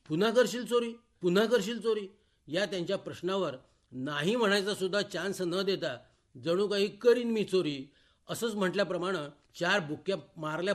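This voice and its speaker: A man reading a short story aloud for radio, in a measured, expressive way, voicing the dialogue himself. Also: high voice. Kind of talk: scripted story narration. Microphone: studio microphone.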